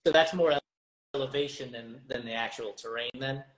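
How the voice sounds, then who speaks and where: A male podcast host asks long, searching questions at a middling pitch. His voice carries a roomy echo. He also speaks now and then to the listeners. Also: moderate pace, a bit bright. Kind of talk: podcast interview.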